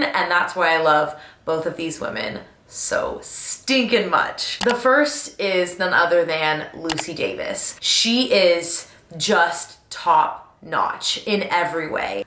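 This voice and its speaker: A woman's voice: lowish voice, fairly bright tone. A young woman in her twenties chatting to camera as a fitness vlogger, bubbly and gushing, with little laughs, at home indoors. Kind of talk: casual chat to camera. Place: indoors at home, lit by twinkle lights. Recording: echoey room.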